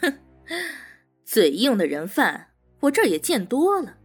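A woman's voice: on the high side, huge pitch swings, a little slow, slightly rough, heavily acted. A woman voicing a teasing, smug female prison warden and interrogator in an audio drama, with faint music behind. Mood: menacing.

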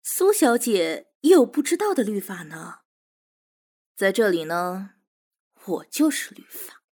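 A woman's voice: mid-range voice, sing-song, darkish tone, breathy edge. A woman playing a smug, mocking prison warden. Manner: teasing, drawn-out, smug. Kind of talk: audio drama acting.

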